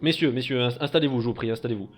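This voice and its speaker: A man's voice: medium pitch, racing, close to an everyday voice. A man voicing a jovial, pompous merchant master in a tabletop game, effusive and repeating himself. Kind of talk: tabletop role-play.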